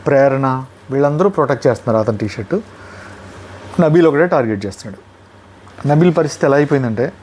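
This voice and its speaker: A man's voice: medium pitch, slight background noise. A man with a Telugu accent giving a casual review of a reality show episode, retelling it animatedly and acting out what people said. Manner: animated retelling, mimicking contestants' lines.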